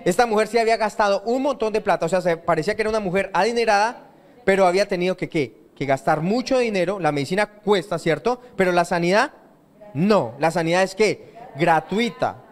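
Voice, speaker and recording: High-voiced pastor preaching. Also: male voice, animated, a little fast. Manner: asks the congregation questions and answers them himself. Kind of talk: sermon. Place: church.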